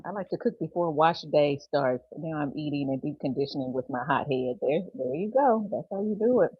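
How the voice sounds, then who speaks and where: A woman's voice: deep voice, lively intonation, a little fast, slightly rough, no echo, lo-fi sound. A woman in her fifties hosting a casual livestream while styling her hair, chatting, laughing easily and reading out viewer comments. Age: 50s. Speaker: host.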